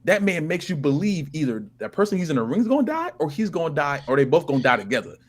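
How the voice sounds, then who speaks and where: A man's voice: on the high side, very animated, fast. A man co-hosting a podcast, arguing his point with passion and insistence in casual chat. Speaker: podcast co-host.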